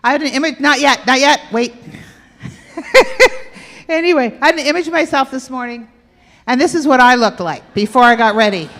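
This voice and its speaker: A woman's voice: sits high, fast, a bit bright. Playful woman quizzing a hall audience. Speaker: health workshop presenter. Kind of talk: interactive talk to an audience. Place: church hall with stage and aisle. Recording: echoey hall.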